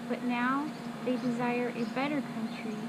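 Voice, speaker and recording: A woman reciting Bible verses by rote from memory, in short measured phrases with pauses, on a recording with loud background noise. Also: a little high, steady tone. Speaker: scripture reciter.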